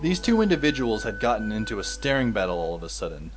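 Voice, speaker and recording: Over music, a man with a fairly low voice talks fast and very animatedly. As narrator and lead actor of a fan audio drama, he plays a dry, sardonic teenage schoolboy, wry and exasperated, in scripted first-person narration.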